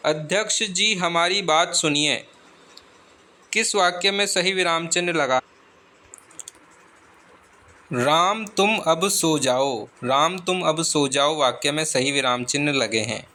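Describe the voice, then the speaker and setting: Slow, bright-voiced male tutor. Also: a little high. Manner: slow, deliberate reading of options. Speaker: exam tutor. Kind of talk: reading exam questions and answers.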